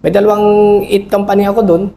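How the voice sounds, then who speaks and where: Gravelly, halting army officer. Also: male voice, sits high, little pitch movement, mellow, a little hiss or hum. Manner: halting, full of fillers and constant "sir"; respectful toward a senior officer. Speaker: army officer recounting a battle. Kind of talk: interview recollection.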